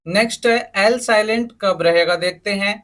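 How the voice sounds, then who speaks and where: A man's voice: high voice, moderate pace, fairly bright tone. A man teaching English spelling in a lesson, spelling words out letter by letter and asking his students questions he answers himself. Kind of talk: spoken English lesson in Hindi.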